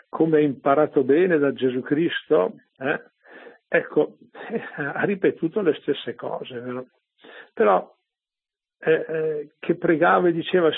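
A man's voice: a little high, vocal fry, husky. A man preaching on scripture in a conversational radio talk, often checking with his listeners by asking "no?" or "vero?". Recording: narrow phone-like radio sound.

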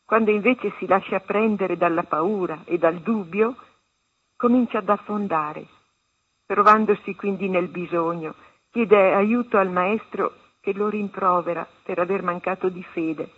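A woman reading a meditation and a Gospel passage aloud on a religious radio program, in a measured, solemn way. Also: mid-range voice, breathy edge. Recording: tinny phone-line sound.

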